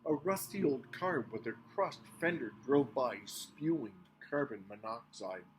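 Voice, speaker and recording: A man reading a children's storybook aloud with expressive, animated narration. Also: mid-range voice, unhurried, slight background noise. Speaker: reader.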